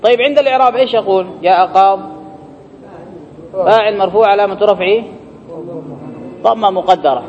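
A man's voice: high voice, fairly quick, long pauses, a little hiss or hum. A man teaching a grammar class, reading a text aloud, explaining it and quizzing his students. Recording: dull recording with long hall reverb.

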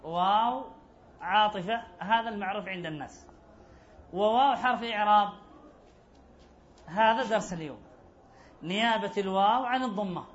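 A man's voice: high voice, normal speed, pauses often, slight background noise. A man teaching an Arabic grammar lesson. He repeats key phrases and asks his class rhetorical questions. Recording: dull lo-fi recording.

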